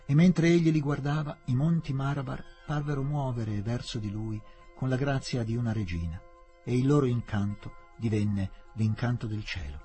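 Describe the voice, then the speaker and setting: A man reading a novel aloud for radio in a measured, expressive manner. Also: mid-range voice, soft background music. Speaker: audiobook reader.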